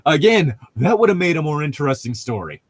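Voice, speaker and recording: Commenting on a book, a podcast co-host jokes casually and drifts into tangents while correcting himself. His voice is a little high, husky, very animated and fairly quick, captured in clean studio sound without echo.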